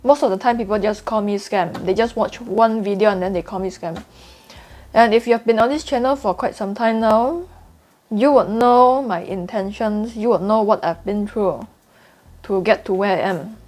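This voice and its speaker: A young trading YouTuber with a Singaporean accent talks candidly to camera in her vlog, her mid-range voice a little mellow and at normal speed. She comes across as earnest and confiding, repeating points for emphasis.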